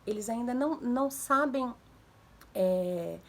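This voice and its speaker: A young woman casually giving parenting advice to viewers, animated, acting out commands in a raised voice. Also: on the high side, slow pace. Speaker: mother sharing parenting tips.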